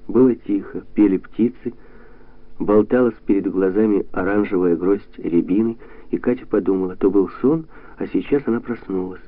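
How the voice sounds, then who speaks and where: A man calmly reading a literary novel aloud in a measured, even way. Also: on the low side, no room sound. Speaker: audiobook narrator. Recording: tinny lo-fi radio sound.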